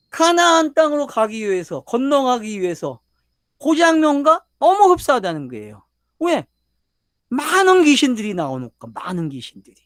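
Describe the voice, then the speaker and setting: An older male pastor delivers a Bible lecture as a sermon, constantly questioning his listeners and pressing his points emphatically. His voice is extremely high-pitched and a bit bright, recorded with studio quality and no echo.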